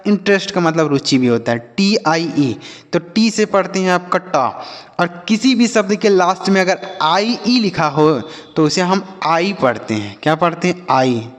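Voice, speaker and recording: Male teacher, patient with children, spells letter by letter, slightly higher voice, long reverb on the recording. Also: lively intonation, moderate pace. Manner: patient, asks and answers his own questions. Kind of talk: English reading lesson for children.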